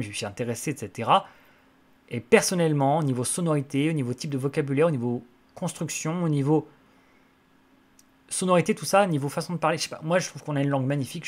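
Guy doing a podcast q&a, lots of ums and restarts, blunt opinions, normal mid voice. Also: mid-range voice. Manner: hesitant, frequent fillers and restarts, blunt opinions. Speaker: podcast host answering listener questions. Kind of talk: casual spoken monologue.

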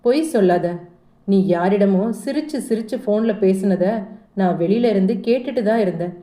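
A woman voicing an angry, suspicious middle-aged mother who shouts and accuses her daughter in a told story. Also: medium pitch, moderate pace, close to an everyday voice. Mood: angry scolding. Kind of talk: storytelling dialogue. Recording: echoey room.

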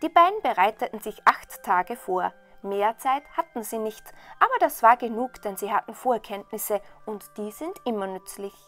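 A woman storyteller reading a fairy tale in a lively, expressive way. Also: fairly high pitch, normal speed, few pauses. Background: soft waltz music.

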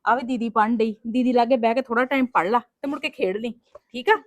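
A woman's voice: on the high side, no echo, lightly acted. A woman playing a strict but loving mother who scolds and coaxes her daughters in a family drama. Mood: scolding. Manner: quick, scolding, then coaxing. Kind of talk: homemade family drama acting.

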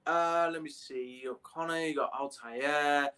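A young adult man co-hosts a casual podcast about games and films, explaining things in detail with a fan's enthusiasm. His fairly high, sharp-toned voice has fairly even intonation and a slightly slow pace. He's in a small room at home on a video call.

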